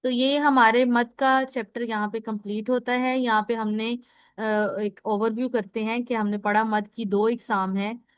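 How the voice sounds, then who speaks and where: A woman's voice: on the high side, steady tone, normal speed, smooth, no room sound, clean studio sound. A woman teaching a recorded lesson on Quran recitation. She explains step by step, asks questions and answers them herself, and often checks in with listeners. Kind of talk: recorded lecture.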